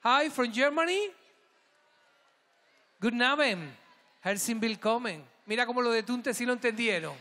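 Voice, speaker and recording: Onstage at a live gala in a big, echoing hall, a man hosts with campy jokes, teasing the crowd as audience noise rises around him. His very high voice is animated yet unhurried, pushed and bright, and he pauses often.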